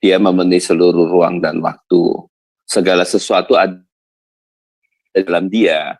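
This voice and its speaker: Low-voiced insistent debater. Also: male voice, steady tone, unhurried, gravelly, darkish tone, dry recording. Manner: insistent, interrupting, repeats points. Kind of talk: heated debate.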